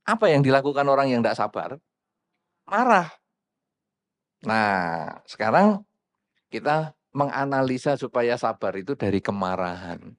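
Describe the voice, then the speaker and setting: A man's voice: medium pitch, sing-song, measured pace, pauses often. A man giving a Dhamma sermon in a conversational way, asking the audience questions and acting out what people say. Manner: conversational, asks the audience questions, acts out quoted speakers. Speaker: Buddhist Dhamma teacher.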